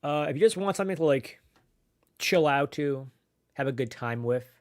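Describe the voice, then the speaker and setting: A man's voice: fairly high pitch, lively intonation, normal speed, a little mellow. Rambling, swearing male streamer munching on food. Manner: rambling, profane, full of "like" and restarts; chews and munches while talking. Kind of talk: casual live-stream chat.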